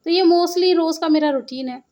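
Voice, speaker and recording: A woman's voice: very high-pitched, moderate pace, mellow, highs cut off. A middle-aged woman from India chatting casually and animatedly to her viewers in a home vlog. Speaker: vlogger. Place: at home, indoors.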